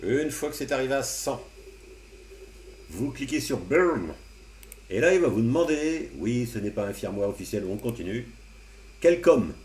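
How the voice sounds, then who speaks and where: Male tutorial host, mid pitch, easygoing step-by-step delivery, echoey room with faint hum. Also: normal speed, long pauses. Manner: relaxed step-by-step explaining with joking asides. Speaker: amateur radio tutorial host. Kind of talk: casual screen-recorded tutorial. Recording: roomy echo, faint hum.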